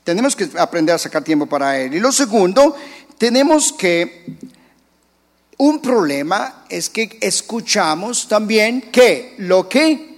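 A man's voice: sits high, very animated, unhurried. A male pastor preaching a sermon, acting out the voices he quotes. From Colombia. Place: church. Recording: church hall reverb.

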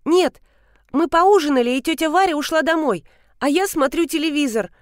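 A woman's voice: high-pitched, normal speed, no echo, clean studio sound, pitched above the performer's own voice, lightly acted. A woman doing an eager little boy. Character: small boy, eager and joyful.

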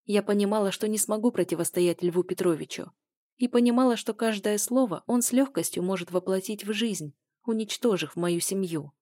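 A woman's voice: medium pitch, moderate pace, mellow, no room sound, clean studio sound. A woman narrating a first-person novel aloud, reading with strong emotion. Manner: emotional, rising to angry outbursts. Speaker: audiobook narrator.

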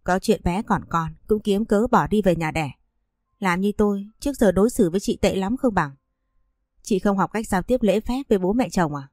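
A sneering, sharp-tongued middle-aged mother-in-law, voiced by a woman reading a storybook. She scolds, her pitch sitting at an ordinary middle height, and the voice sounds dry and close with no room echo. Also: normal speed, lightly acted. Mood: scornful.

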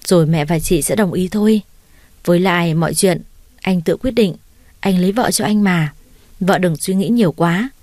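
A woman's voice: on the low side, normal speed, darkish tone, dry recording, natural voice. A woman voicing an affectionate young man who reassures his fiancée, in an audio story, dry and close. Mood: tender.

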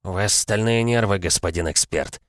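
A man voicing an impatient, irritable American man in an audiobook, gruff and grumbling. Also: lowish voice, moderate pace, no echo, studio quality, close to an everyday voice. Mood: irritated.

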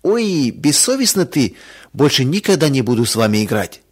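A man voicing a lively young girl who is quick to temper, his voice pitched up. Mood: angry. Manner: raised pitch, emotional swings.

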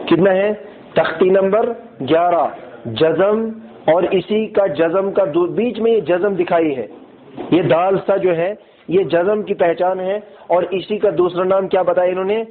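A man teaching a classroom lesson who keeps asking his students questions and repeating his points, slowly sounding out single letters. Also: sits high. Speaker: Quran recitation teacher. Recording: tinny phone-like lo-fi recording.

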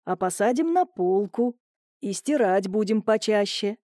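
A woman voicing a devoted husband, an army major, who speaks softly and tries to calm his wife. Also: medium pitch, measured pace, no echo, studio quality, natural voice. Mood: tender. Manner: soft, placating.

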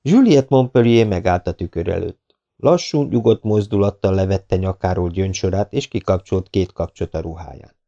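Gravelly low-voiced male narrator. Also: muffled recording. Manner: steady, measured reading. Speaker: audiobook narrator. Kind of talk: audiobook narration.

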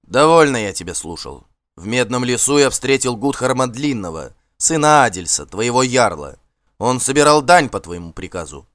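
A man's voice: medium pitch, big pitch swings, normal speed, a bit bright, no room sound, studio quality, voice pushed up. A man voicing a stern, contemptuous Norse warlord in an audiobook, commanding and scornful. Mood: cold. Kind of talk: audiobook character voice.

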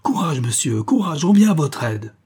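A man reading an audiobook voices a daring young male nobleman who shouts urgent commands. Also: on the low side, lively intonation, moderate pace, breathy edge. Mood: urgent shouting.

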